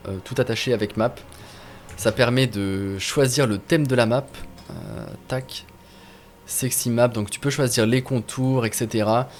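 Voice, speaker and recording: A man casually walking viewers through game add-ons on screen, talking informally with many fillers and restarts. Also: medium pitch. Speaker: gaming video host. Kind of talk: casual screen-share tutorial.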